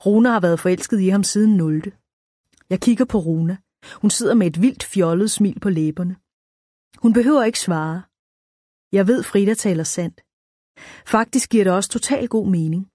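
A woman reading a first-person children's story aloud, in a clear, even storytelling way. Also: medium pitch, pauses often, dry recording, clean studio sound. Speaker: audiobook narrator.

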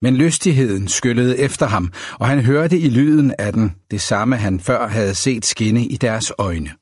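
A man reading a novel aloud as an audiobook narrator, in a measured, even storytelling manner. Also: mid-range voice, breathy edge, no room sound, studio quality.

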